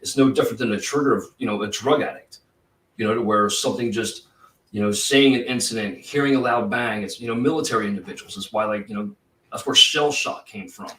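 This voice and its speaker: A retired police officer talking in a casual podcast conversation, intense and profane, rambling with many fillers. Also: male voice, on the low side, a little fast, fairly bright tone. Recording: roomy, distant from the mic.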